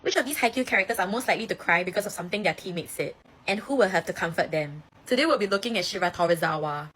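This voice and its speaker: A woman's voice: on the low side, expressive, rapid-fire, a bit bright, slightly rough. A woman telling playful fan stories in a chatty, casual way, switching into character voices. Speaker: anime fan video host. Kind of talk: casual storytelling commentary.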